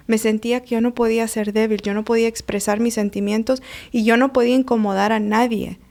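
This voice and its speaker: A woman's voice: on the high side, darkish tone. A woman life coach and mother, speaking earnestly about emotions and child-rearing, telling personal stories in a conversational interview. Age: adult mother. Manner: earnest, uses personal stories and acted-out quotes.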